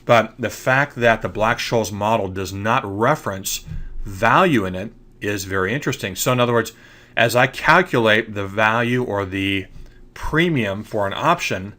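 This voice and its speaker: A trading educator presents a screen-recorded slide lecture on trading ideas, his voice congested from allergies and repeatedly asking "okay?". His voice is on the low side, pushed and bright, at normal speed.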